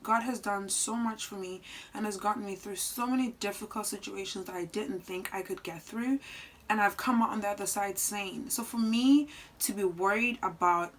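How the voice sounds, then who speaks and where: A woman in her twenties giving heartfelt advice in a casual vlog, earnest and animated, dropping to soft asides and rising to loud outbursts. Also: medium pitch, poor audio. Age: 20s. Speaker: vlogger.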